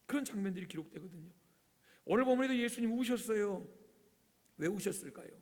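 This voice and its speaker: Male pastor, high voice, emphatic sermon delivery with loud peaks and soft asides, long church-hall reverb. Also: animated, fast talker. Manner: emphatic, swings from loud urgent peaks to quiet low asides, acts out quoted voices. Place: church sanctuary.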